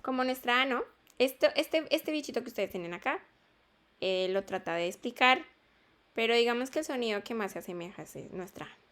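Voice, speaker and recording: A woman's voice: a little high, lively intonation, a little fast, a bit bright. A woman teaching an English class in Spanish, patiently repeating sounds and checking that students follow. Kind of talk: online class explanation.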